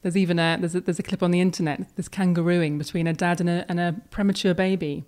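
A woman's voice: on the low side, little pitch movement, fast talker. A woman child and family psychiatrist, explaining enthusiastically as a podcast guest. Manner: warm, explanatory, enthusiastic about research. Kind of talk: podcast conversation.

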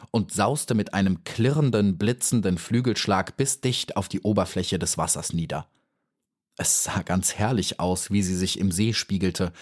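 A man reading a children's storybook as audiobook narrator, calm and measured. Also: on the low side, slightly rough.

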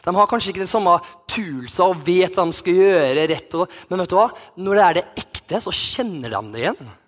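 A man's voice: high-pitched, animated, faint music behind. A man in his thirties, a youth pastor, telling a personal story in a sermon with many restarts and fillers. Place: church hall.

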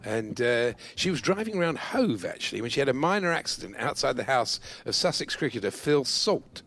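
A man's voice: medium pitch, sing-song, a little fast, a bit bright. A man presenting a radio quiz in a jokey, anecdotal, punning way.

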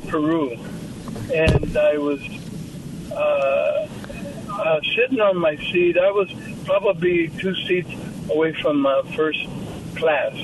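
A male caller on the phone to a talk show, telling a slow, rambling story. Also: high voice. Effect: over the phone. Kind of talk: call-in question and anecdote. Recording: distant noisy phone line.

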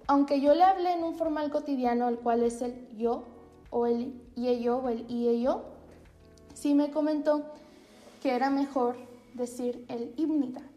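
A young woman with a high voice teaches phrases on a podcast, saying each one slowly and then again. She sounds like she is in an echoey room, with faint music behind her. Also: fairly even intonation, dark tone. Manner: slow, repeating Korean phrases clearly for learners. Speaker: Korean language teacher. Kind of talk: podcast lesson.

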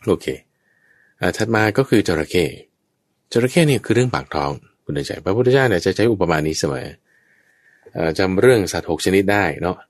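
Lively-voiced man teaching Buddhist Dharma. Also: fairly low pitch, fairly quick, dry recording, clean studio sound. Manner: explains patiently, checks understanding with the listener.

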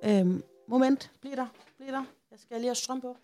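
A woman in her thirties telling a story in a casual chat, lively and animated, often acting out what others say. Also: high voice, soft background music. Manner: chatty, animated, acts out quotes. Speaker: podcast host.

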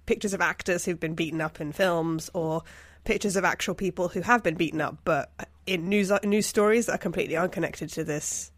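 A woman on a podcast panel, explaining things casually and rephrasing to be clear. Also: on the low side, brisk, few pauses, dry recording.

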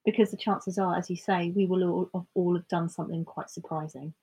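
A woman co-hosting a podcast in casual chat, speaking in a reflective, measured way and agreeing often. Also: fairly low pitch, fairly even intonation, warm tone, slightly rough, rough recording. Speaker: podcast co-host.

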